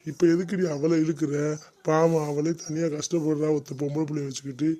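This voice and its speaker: A man voicing a weary, soft-hearted middle-aged father in a homemade cartoon. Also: a little high, brisk, lightly acted. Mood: grumbling. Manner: grumbling, calm. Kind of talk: cartoon voice acting.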